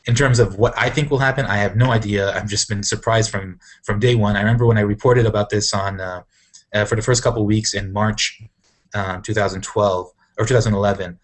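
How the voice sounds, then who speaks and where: A man from Syria hosting an online panel, talking in a halting way with many restarts. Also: fairly low pitch, steady tone. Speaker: host of an online panel discussion. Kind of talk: casual live video discussion.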